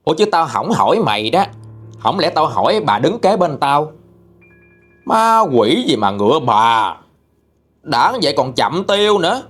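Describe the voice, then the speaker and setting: A man voicing a stern, sharp-tongued old woman exorcist in a ghost story, with a Southern Vietnamese accent and a scolding, mocking manner. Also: a little high, sing-song, measured pace, pitched above the performer's own voice, heavily acted.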